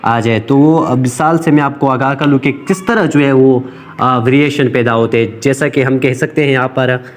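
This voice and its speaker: A man explains English grammar in a loose, informal lesson. He talks hesitantly, full of fillers and restarts, and slows right down to dictate English sentences word by word. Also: medium pitch, fairly even intonation, slight background noise.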